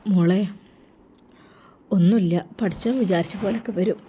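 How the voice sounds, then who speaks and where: A woman's voice: medium pitch, normal speed, dark tone, a little hiss or hum, natural voice. A woman voicing a grieving elderly father who speaks in few, subdued words. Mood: weary.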